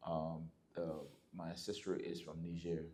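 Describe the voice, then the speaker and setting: A man's voice: deep voice, monotone, unhurried, mellow. A man from Liberia hosting an interview, asking long, rambling questions with many hesitations. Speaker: host.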